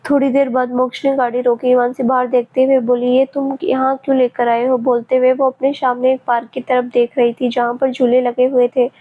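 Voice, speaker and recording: High, flat-voiced woman reading a story. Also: fairly quick, few pauses. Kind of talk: read-aloud story narration. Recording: tinny phone-like sound.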